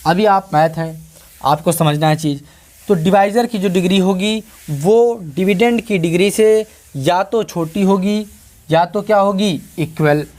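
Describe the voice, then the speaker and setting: A man's voice: sits high, darkish tone. Hindi-speaking North Indian man teaching math. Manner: checks in with students often, asks and answers his own questions. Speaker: math tutor. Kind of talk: classroom math lecture.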